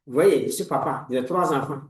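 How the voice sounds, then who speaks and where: A man's voice: on the high side, fairly quick, reverberant, recorded from a distance, low-quality recording. A man in his forties, a life coach giving a motivational talk in a preachy, repetitive way, full of blessings. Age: 40s. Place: room lined with books, indoors.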